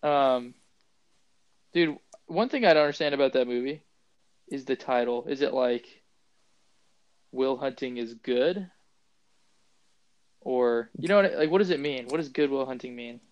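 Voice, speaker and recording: A man's voice: medium pitch, a little slow, pauses often, muffled recording. A man co-hosting a podcast, giving blunt, opinionated takes on movies and swearing casually. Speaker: podcast co-host.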